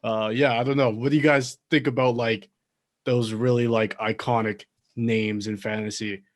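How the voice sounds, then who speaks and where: A man talks through his thoughts in a relaxed podcast chat. His pitch sits in the middle and he pads his sentences with ums and likes as he works toward a point. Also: moderate pace. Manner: rambling, filler-heavy, thinks aloud. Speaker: podcast co-host. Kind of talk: casual chat.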